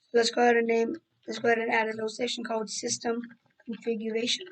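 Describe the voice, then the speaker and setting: A woman's voice: fairly high pitch, monotone, quick pace, poor audio. A woman who is losing her voice, casually walking through a coding tutorial with fillers and restarts. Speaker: tutorial host. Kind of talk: screen-recorded coding tutorial.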